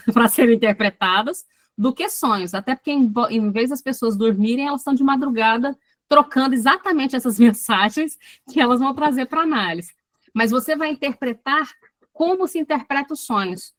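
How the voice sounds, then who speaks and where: A woman's voice: sits high, dry recording. A woman with a Brazilian Portuguese accent giving an online psychoanalysis lecture, speaking animatedly and turning to her students with frequent asides. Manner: animated, talks to students directly with many asides. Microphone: video call.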